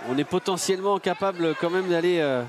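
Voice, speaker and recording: A man calling a fight live like an excited wrestling commentator, dramatically hammering each blow. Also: high voice, a little fast. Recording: loud crowd noise in arena. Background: noisy sports arena crowd.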